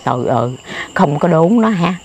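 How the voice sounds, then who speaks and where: A woman's voice: on the low side, moderate pace, a little hiss or hum. Older Southern Vietnamese woman telling stories. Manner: animated, exclamatory, repeats herself. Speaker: interviewee. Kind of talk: casual storytelling. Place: outdoors by graves at night.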